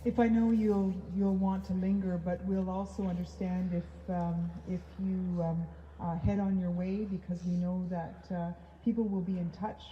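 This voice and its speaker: A woman officiating at an outdoor graveside service, giving a gentle funeral address with halting pauses. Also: on the low side, level tone. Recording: muffled, echoey, noisy outdoor ambience.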